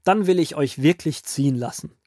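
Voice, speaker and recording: A man voicing an angry, proud Egyptian king who gives loud orders and shouts threats in a children's Bible audio drama. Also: on the high side, moderate pace, no room sound, studio quality, natural voice. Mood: pleading.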